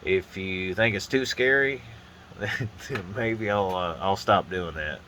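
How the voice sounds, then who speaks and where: This casual hobby vlogger is a low-voiced man building models, congested and a bit nasal from a sinus infection. He talks slowly and meanders through relaxed hands-on commentary, with frequent uh's and restarts. A phone on a holder arm records him, picking up a little hiss or hum.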